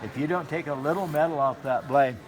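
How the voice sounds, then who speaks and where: This middle-aged man's voice sits on the high side, and he talks fairly fast while a crowd murmurs behind him. Showing off knife sharpening live in a large concrete-floored expo hall, he's casual and folksy, spelling things out plainly and saying them again for emphasis. The recording is from a handheld camera a step or two off, with the hall's noise clearly present.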